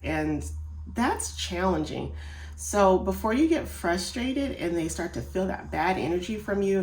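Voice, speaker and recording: A woman giving homeschool reading tips in a calm, encouraging way, talking straight to parents. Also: fairly low pitch. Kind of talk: casual instructional talk. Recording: echoey room.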